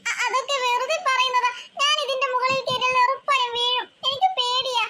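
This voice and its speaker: A woman's voice: very high voice, flat delivery, normal speed, background noise. A woman voicing a timid little girl in a cartoon who whines and pleads. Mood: scared, whiny. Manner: whining, pleading. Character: timid whiny little girl, afraid of escalators. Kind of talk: cartoon voice acting.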